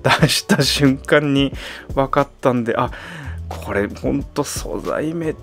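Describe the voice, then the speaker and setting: A man chatting casually while unboxing toys, getting excited and breaking into laughs and exclamations. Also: mid-range voice, slow pace, vocal fry, soft background music. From Japan.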